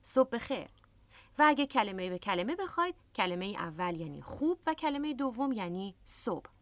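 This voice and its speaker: A woman's voice: medium pitch, sing-song, fairly bright tone, no room sound. A woman hosting a radio language lesson, explaining words patiently into a close studio microphone. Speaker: English teacher and radio host.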